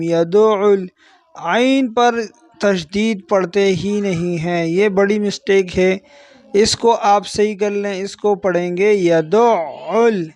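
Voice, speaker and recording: Man, recitation teacher, stern and insistent, slow drawn-out drills, dry close sound. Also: high-pitched, no echo. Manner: stern, corrective, repeats points insistently.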